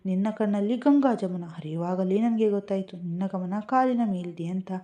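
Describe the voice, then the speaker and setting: A woman's voice: medium pitch, moderate pace, warm tone, highs cut off, natural voice. A woman voicing a stern, brusque young husband. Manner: curt, scolding questions.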